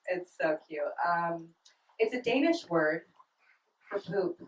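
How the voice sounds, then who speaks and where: In a small club, a young woman performs a stand-up comedy set, giggling and breaking into laughter mid-line. Her voice is on the low side with lively intonation, and she speaks slowly. A distant mic gives a roomy club sound with slight background noise.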